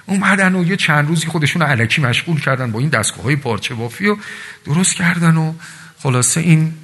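Husky, higher-voiced male preacher in a hall. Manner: animated, lively storytelling with voiced asides. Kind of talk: religious sermon with storytelling. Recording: long reverb of a large hall.

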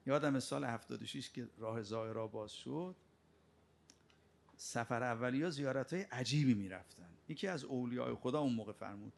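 Gravelly-voiced man preaching a sermon. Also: medium pitch. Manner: rebuking, with sharp rhetorical questions.

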